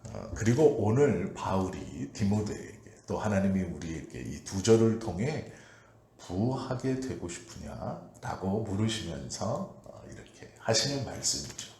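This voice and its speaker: A male pastor preaching an early-morning prayer sermon in a calm, measured way, pausing often with "uh". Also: deep voice. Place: church sanctuary. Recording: echoey church room with faint ambient noise.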